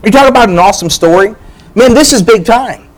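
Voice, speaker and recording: A man preaching a sermon as pastor, energetic and playful, teasing the congregation and checking in with "all right?". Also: high voice, fairly quick, poor audio. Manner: energetic, joking preacher who keeps asking "all right?".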